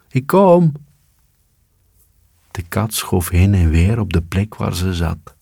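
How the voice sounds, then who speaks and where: A man narrating a storybook in a calm, unhurried read. His voice is very low and mellow, with a husky grain. The recording is close and dry. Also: no echo. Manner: calm, even, unhurried reading.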